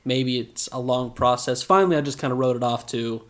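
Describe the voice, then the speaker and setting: A man co-hosting a podcast, chatting casually through an episode recap with animated, joking asides. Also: medium pitch, brisk. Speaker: podcast co-host.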